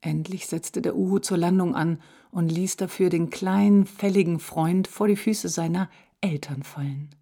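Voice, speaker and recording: A woman narrating a children's storybook in a calm, measured reading voice. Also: fairly low pitch.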